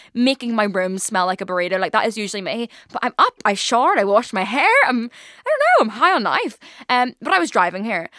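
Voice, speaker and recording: A woman's voice: on the high side, a bit bright, no room sound. A woman in her twenties hosting a casual solo podcast, chatting in a rambling way with lots of fillers and swearing, recorded in a studio. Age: 20s. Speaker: podcast host. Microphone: studio mic.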